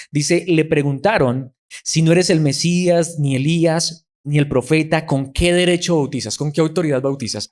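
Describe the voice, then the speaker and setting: A male pastor with a slightly high, darkish voice preaches a sermon. He acts out quoted voices and poses rhetorical questions to the congregation.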